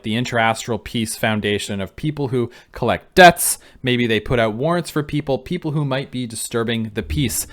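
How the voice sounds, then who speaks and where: A man's voice: medium pitch, a bit bright. A man giving casual reaction commentary, musing and thinking aloud as he goes. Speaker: video reactor. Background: faint music.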